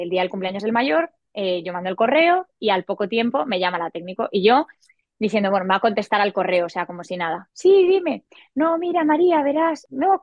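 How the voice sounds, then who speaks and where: Woman in her 40s rattling off a story quick, dry dull sound. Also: no echo. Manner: animated, acts out quoted dialogue in a higher voice. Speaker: podcast guest. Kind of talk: casual storytelling.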